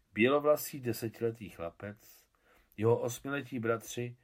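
A man reading his own translation of a novel aloud, measured and expressive. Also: fairly low pitch. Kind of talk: literary reading.

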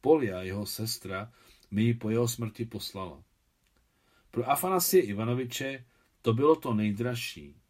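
A weary, humble old man with a hidden past tells his story quietly and confessionally, as a male reader voices him in an audiobook. The voice sits at a middle pitch and stays close to the reader's own. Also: natural voice. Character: aging man living under a false name, weary and humble. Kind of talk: reading a novel aloud.

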